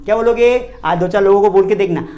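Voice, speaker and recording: A man with a Hindi accent, his voice high, quick and dark in tone, leads a classroom-style video lesson in spoken English. He keeps putting questions to his students and answering them himself, repeating every key word to make it stick.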